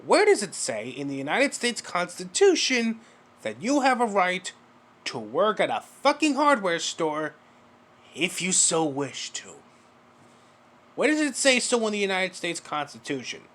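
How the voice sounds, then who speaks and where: A man's voice: sits high, wildly swooping pitch, a little slow, fairly bright tone. A man giving mocking reaction commentary, sarcastic and profane, lecturing the person in a clip.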